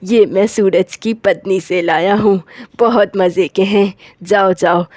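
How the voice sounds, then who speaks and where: A woman's voice: medium pitch, steady tone, a little slow, darkish tone, no room sound, close to an everyday voice. A woman voicing a cheerful village man buying snacks in a cartoon story.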